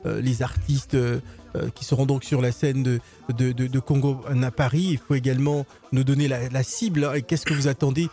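A male interviewer with a warm, dark-toned voice puts measured questions to his guest. His pitch sits in the middle for a man. He speaks deliberately, pausing and restarting as he shapes each question. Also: fairly even intonation, soft background music. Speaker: radio interviewer. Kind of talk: radio interview.

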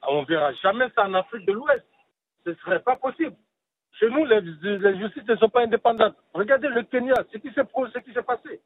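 A man's voice: very high voice, lively intonation, fairly quick, breathy edge, dry recording. A man leaving an answering machine message for a radio show, emphatic and repeating himself. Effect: answering machine message over a phone line. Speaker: caller leaving a voicemail. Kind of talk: recorded voicemail. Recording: tinny phone line with faint hiss.

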